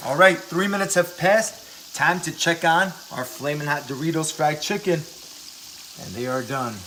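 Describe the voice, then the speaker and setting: A man's voice: on the high side, measured pace, bright, forceful tone, a little hiss or hum. Upbeat man hosting a cooking video. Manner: upbeat, enthusiastic, talks straight to viewers. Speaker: cooking show host. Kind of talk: home cooking video narration. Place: home kitchen. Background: oil frying and sizzling.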